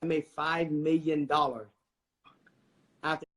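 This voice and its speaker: High-voiced man giving an emphatic pep talk. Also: level tone, a little slow, a bit bright. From Vietnam. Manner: emphatic and preachy, addresses listeners directly. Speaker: guest, real estate investor. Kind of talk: motivational interview talk.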